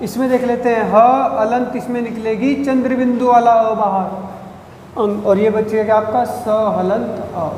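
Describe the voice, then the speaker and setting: A man's voice: extremely high pitch, flat delivery, normal speed, a little mellow. A man teaching a grammar lesson at a board, drawing out syllables, repeating them and quizzing his listeners. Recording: echoey room with long reverb, faint noise.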